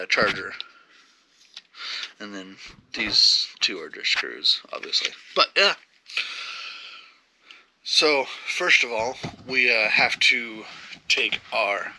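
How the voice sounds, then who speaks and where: Here the toy channel host sounds lowish, bright and forceful as he rambles through a casual home how-to, full of "uh"s and self-corrections. He records in a home studio on a camera mic, partly a GoPro, with a little hiss or hum.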